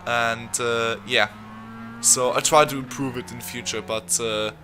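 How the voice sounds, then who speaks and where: Bright-voiced man, fast game commentary. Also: medium pitch, fairly even intonation, slight background noise. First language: not English. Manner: fast, rambling, chatty with many fillers. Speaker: sim racing channel host. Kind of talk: live racing game commentary.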